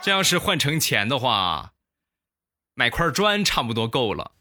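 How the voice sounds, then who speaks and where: A man hosting a comedy show, telling funny stories in a lively way and acting out the voices, close to the mic. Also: mid-range voice, measured pace, over loud music. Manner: lively, acts out every voice. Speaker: comedy host. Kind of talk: comic storytelling.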